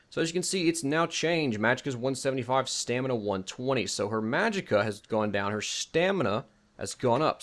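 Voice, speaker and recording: A mod creator and video host gives a relaxed, improvised tutorial for a game mod, speaking informally, drifting off topic, and correcting and doubting himself. His voice sits at medium pitch with a fairly bright tone.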